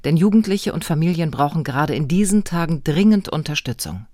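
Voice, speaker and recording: A woman reporter narrating a scripted radio feature in an even, clear voice. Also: deep voice, fairly quick, no echo, clean studio sound.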